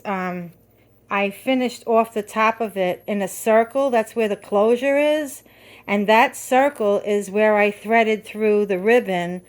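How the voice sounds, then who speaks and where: A middle-aged woman hosting a craft video from her home, chatting casually with lots of fillers and restarts, a little out of breath. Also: mid-range voice. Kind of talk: casual show-and-tell.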